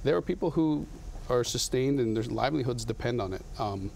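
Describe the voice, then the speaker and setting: A man's voice: medium pitch, expressive, brisk, vocal fry, a little mellow, a little hiss or hum. A man in his thirties from Latin America, a guest in a TV studio interview, talking earnestly with frequent restarts on a lapel mic. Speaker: guest, coffee company founder.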